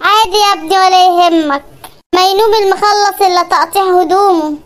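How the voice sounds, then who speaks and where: A performer voicing an older Egyptian man, the husband's father, who slowly and calmly lectures the quarreling couple. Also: extremely high pitch. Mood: scolding. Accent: Egyptian Arabic. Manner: slow, soothing, moralizing.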